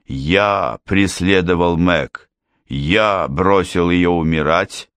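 A man's voice: low-pitched, slow, smooth, no echo, studio quality. A man reading a guilt-wracked brother, hysterical. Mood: desperate. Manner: shouted, desperate confession.

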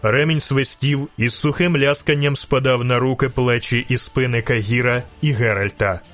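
A man narrating a fantasy audiobook with steady, vivid storytelling. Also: medium pitch, normal speed, faint music behind.

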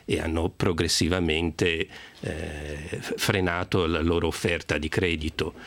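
A male financial journalist answering in a radio interview, halting with many restarts. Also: low-pitched, flat delivery, fairly bright tone.

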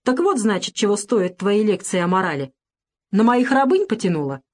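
A woman reading as a scornful gentleman who sneers and mocks with cold contempt. An audiobook character delivered in a storyteller's voice of middling pitch. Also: big pitch swings, moderate pace. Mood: mocking. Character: man, mocking, contemptuous brother-in-law.

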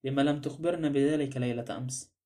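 A man's voice: mid-range voice, steady tone, fast, dark tone, lightly acted. A man voicing a blunt, suspicious male former detective in an audiobook drama, pressing others with pointed questions. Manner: blunt, probing.

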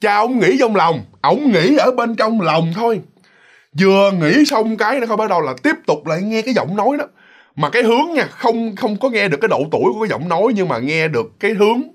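A man's voice: high voice, lively intonation, a little fast. A man telling a ghost story in a chatty, casual way, full of fillers and restarts. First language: Vietnamese.

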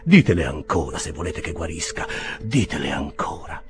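A man doing a sighing lovesick gentleman. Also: very deep voice, sing-song, normal speed. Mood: pleading. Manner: soft, sighing, tender. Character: lovesick, tender middle-aged wounded gentleman.

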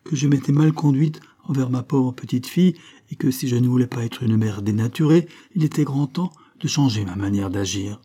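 A proud, stiff mother who answers curtly and holds her ground, voiced by a man in a raised pitch. The voice stays dark and slightly husky. An audiobook reading. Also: a little fast, close to an everyday voice. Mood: defensive. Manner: curt and firm.

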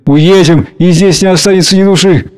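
Guy doing a tender sad old-money lady, pitched up. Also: steady tone, moderate pace, a little mellow, clean tone, close to an everyday voice, poor audio. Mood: wistful. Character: wistful aging noblewoman, sentimental.

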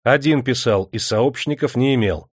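A man voicing a defiant young serf prisoner who answers mockingly and shouts back. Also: mid-range voice, normal speed, no echo, clean studio sound, close to an everyday voice.

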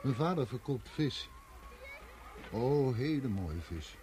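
In a Dutch radio play, an actor voices a naive, wistful fisherman's son from overseas, speaking simply and earnestly. His medium-pitched voice is very animated yet slow-paced, with noise in the background.

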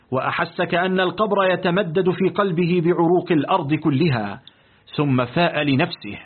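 A man narrating a literary audiobook in a deliberate, expressive reading. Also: a little high, breathy edge. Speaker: audiobook reader. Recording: tinny, lo-fi phone-like audio.

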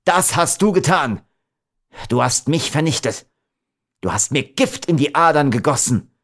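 A man reading an audiobook, voicing a young man in a furious, scornful rage, louder than his narration. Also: a little high, expressive, a little slow, pitched above the performer's own voice, exaggerated voice. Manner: loud, scornful.

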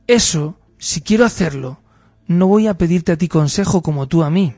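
A quick-witted male slave full of dry, mocking comebacks, as a man reading aloud puts him on. The voice sits fairly high and sounds close and dry, with an unflappable, cheeky manner. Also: a little mellow, no room sound, close to an everyday voice. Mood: defiant.

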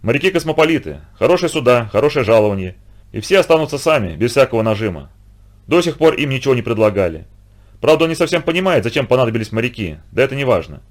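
Fast-reading male audiobook narrator. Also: mid-range voice, very animated.

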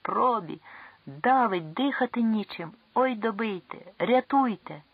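Reader doing a frantic young man, high and strained, husky, dry dull audiobook sound. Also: sing-song, moderate pace, no echo. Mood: desperate. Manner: raised, urgent pleading. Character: young man, eager then trapped and terrified. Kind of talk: audiobook character reading.

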